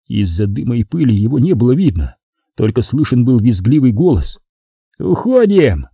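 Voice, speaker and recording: A man reads a first-person story aloud in a steady audiobook manner. His voice is dark and husky, with a lively rise and fall. The sound is dry and close. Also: medium pitch, brisk, dry recording. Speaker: narrator. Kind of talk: audiobook reading.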